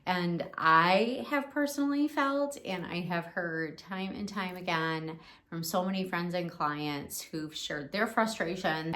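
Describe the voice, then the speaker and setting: Woman host, cleaning coach; unhurried, encouraging delivery, chatty with fillers. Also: on the low side. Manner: encouraging, chatty, with frequent ums and restarts. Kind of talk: casual instructional talk to camera.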